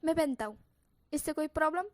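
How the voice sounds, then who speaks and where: A woman's voice: on the high side, fairly even intonation, normal speed, warm tone, lightly acted. A woman voicing a shy, innocent young man who gets flustered easily. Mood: bashful.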